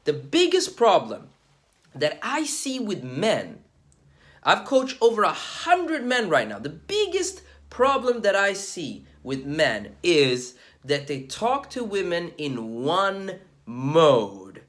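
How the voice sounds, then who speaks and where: A young man who is a dating coach, talking casually to camera in an energetic, slangy, emphatic way. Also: sits high, slow. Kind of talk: casual vlog talk to camera.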